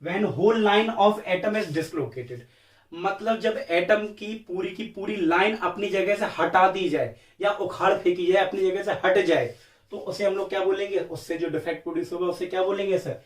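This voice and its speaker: High-voiced male chemistry teacher, echoey. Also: moderate pace, far from the mic. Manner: answers his own questions as the students; repeats key terms call-and-response. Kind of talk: classroom lecture. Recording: echoey room, voice from off-mic.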